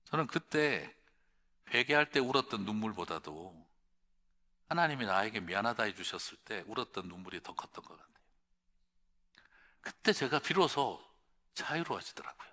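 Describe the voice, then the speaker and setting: A male pastor preaching an evening sermon, swinging from hushed whispers to loud outbursts. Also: on the low side, big pitch swings, normal speed, long pauses. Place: large church or conference hall. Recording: reverberant large hall.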